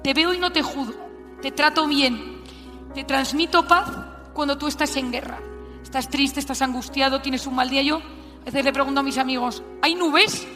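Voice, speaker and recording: A woman in her forties with a Spanish accent, telling a story in a lively, animated way during a talk to an audience. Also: high-pitched, normal speed. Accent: Spanish (Spain). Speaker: speaker giving a talk. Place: large hall with audience. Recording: hall reverb, faint music.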